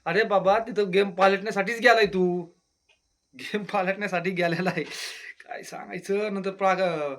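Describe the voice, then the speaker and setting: A somewhat bright male voice with fairly even intonation and normal speed carries this chatty reality-show review, a casual monologue on the man's own channel. He exclaims often and imitates the housemates by dropping his voice lower.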